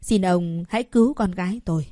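A woman voicing an angry, protective royal father who shouts at a doctor treating his daughter. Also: on the low side, a little fast, dry recording, clean studio sound, close to an everyday voice. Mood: pleading. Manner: shouting, indignant and urgent.

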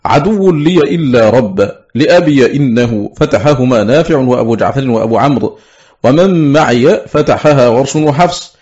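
Male reader of a classical text, measured and exact, mid pitch, muffled lo-fi recording. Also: lively intonation, a little mellow. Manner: measured and precise, slowing to recite quoted words. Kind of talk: formal reading of a scholarly book. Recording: dull lo-fi recording.

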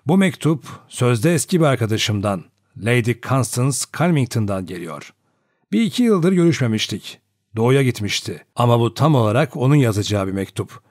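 A man voicing an elderly judge who speaks in a cold, deliberate and authoritative way, in an audiobook. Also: medium pitch, big pitch swings, darkish tone, no echo, clean studio sound. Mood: grave. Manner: measured, deliberate. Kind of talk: audiobook character voice.

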